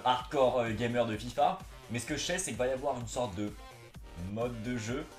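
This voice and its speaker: A man's voice: mid-range voice, roomy sound. Young guy with a slushy lisp. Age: young adult. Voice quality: slight lisp, slushy s sounds. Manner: slangy, chatty, informal. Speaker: gaming YouTuber, host. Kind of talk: casual gaming vlog chat. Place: small indoor room, seated on a couch.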